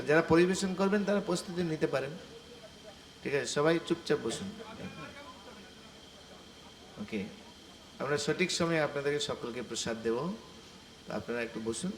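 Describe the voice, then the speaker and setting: A male preacher giving an animated devotional sermon, asking the gathering rhetorical questions. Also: fairly high pitch, normal speed, long pauses, a little hiss or hum. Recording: echoey room with faint ambience.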